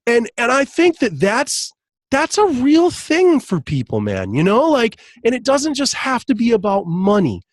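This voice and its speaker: A man's voice: extremely high pitch, a little slow, dry recording. A man telling a story in casual podcast chat, laughing often and acting out quoted lines. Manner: animated, laughs often, acts out quotes in raised voice. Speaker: podcast guest, hypnotist.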